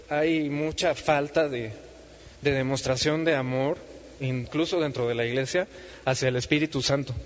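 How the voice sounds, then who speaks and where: A man preaching an informal sermon, talking conversationally with many fillers and restarts. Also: on the high side. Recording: muffled audio with long hall reverb.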